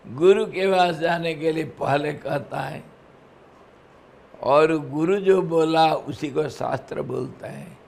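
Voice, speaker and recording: A man speaks as a swami in a devotional discourse, with very slow, drawn-out phrasing and long pauses. His voice sits a little high and has a gravelly edge. He chuckles between points and mixes chanted verses into the talk, over a faint hiss. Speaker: swami giving a scripture discourse.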